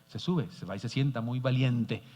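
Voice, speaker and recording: A man preaching a sermon as pastor, telling a story in an earnest, animated way. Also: mid-range voice, moderate pace. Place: church sanctuary. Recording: dull sound, long church reverb.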